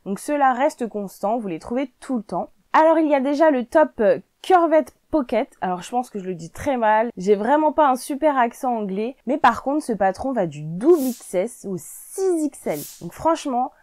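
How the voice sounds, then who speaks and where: A woman's voice: on the high side, mellow, no echo. A woman hosting a casual sewing vlog, chatty and friendly, often dropping "franchement" into her talk. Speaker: sewing YouTuber.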